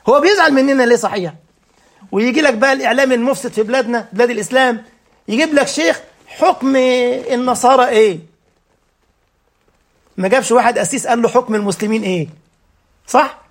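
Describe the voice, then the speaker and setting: A man's voice: extremely high pitch, fairly bright tone. A man with an Egyptian accent teaching a religious lesson, firing rhetorical questions and checking that his listeners follow. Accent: Egyptian Arabic.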